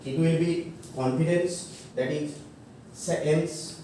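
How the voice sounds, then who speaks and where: Male lecturer, unhurried, mellow tone, heard from a distance with faint background noise. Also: fairly high pitch, fairly even intonation. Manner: slow, halting, many fillers and self-corrections, spells words out. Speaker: college English teacher. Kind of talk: classroom grammar lecture. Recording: echoey room, mic far off, faint noise.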